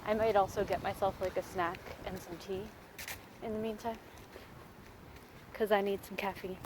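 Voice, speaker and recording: Chatty महिला vlogger, हल्का background शोर. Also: female voice, mid-range voice, steady tone, moderate pace, noisy background. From Florida. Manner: chatty, self-deprecating, lots of fillers. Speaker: vlogger, writer and teacher. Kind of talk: casual vlog chat. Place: outdoors on a walking path.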